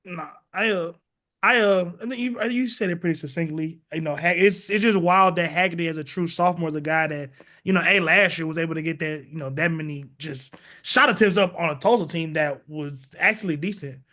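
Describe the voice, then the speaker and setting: A man's voice: fairly high pitch, a little fast, sharp tone. A man hosting a casual sports podcast, rambling through his points with many "you know" and "like" fillers.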